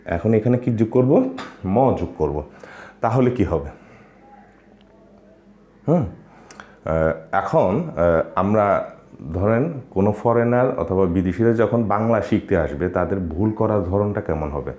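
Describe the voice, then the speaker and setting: A man teaching a language lesson, pausing often with fillers and checking in with his listeners. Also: lowish voice, animated, a little mellow, echoey room, muffled recording. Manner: hesitant, many filler sounds, checks in with listeners.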